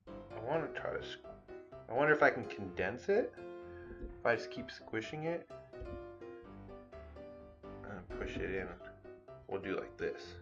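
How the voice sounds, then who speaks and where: In a home room with cat hair around, a man with a lowish voice vlogs casually while cooking, chatting to viewers as he handles food. He rambles and swears, and the recording sounds muffled.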